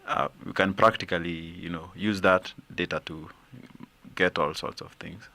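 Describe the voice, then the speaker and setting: A man, a reporter answering interview questions in a calm, plain-spoken way. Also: sits low, moderate pace, gravelly. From Kenya. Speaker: newspaper reporter, guest.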